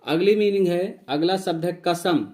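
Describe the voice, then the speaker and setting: Guy teaching english words, kinda high voice, repeats and spells everything. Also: mellow. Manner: slow, repeats each word and spells it out. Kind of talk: vocabulary lesson.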